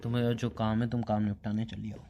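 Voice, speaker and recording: A man's voice: fairly low pitch, level tone, fast, slight background noise, lightly acted. A young man playing a boyfriend who feels ignored, reproachful and sarcastic toward his girlfriend. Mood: resigned. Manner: reproachful, sarcastic, quietly bitter. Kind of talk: amateur romantic audio drama.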